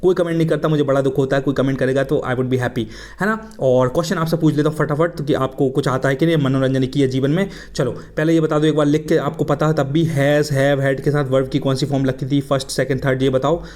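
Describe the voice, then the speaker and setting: A man's voice: mid-range voice, fairly even intonation, brisk, a little mellow. A man teaching English in a casual video lesson, talking in a chatty way to his viewers as friends and mixing in English phrases with an Indian English accent.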